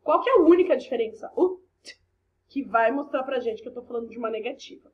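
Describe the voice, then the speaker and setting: A woman's voice: fairly high pitch, expressive, fast, dull audio. A Brazilian woman teaching an English class, explaining step by step with chatty asides and frequent "ok?" checks. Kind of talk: recorded online class explanation.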